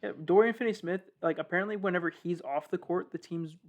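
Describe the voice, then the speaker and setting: Chill young guy on a sports podcast, laughs a lot, kinda high voice. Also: quick pace. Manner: laid-back, laughs often, cites stats. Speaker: podcast co-host. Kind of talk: casual sports chat.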